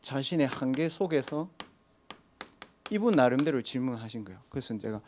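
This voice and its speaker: A man's voice: medium pitch, lively intonation, moderate pace, a little mellow, slight background noise. A man, a pastor telling a story in a casual sermon and asking listeners rhetorical questions. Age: 30s.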